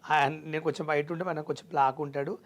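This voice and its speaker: A man's voice: a little high, fairly even intonation, quick pace. A young man, talking earnestly and emphatically as an interview guest, mixing in English phrases. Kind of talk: emotional personal interview.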